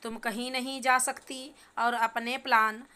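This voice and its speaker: A woman's voice: fairly high pitch, flat delivery, unhurried, pushed and bright, clear, resonant tone. A woman voicing a bossy middle-aged mother-in-law in a storybook reading, talking in a stern, lecturing way.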